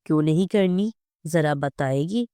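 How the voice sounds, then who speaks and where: A storyteller voicing a hot-tempered working-class mother who scolds and threatens her daughter, in a smooth, dry reading. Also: medium pitch, normal speed, warm tone, no echo, close to an everyday voice. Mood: scolding.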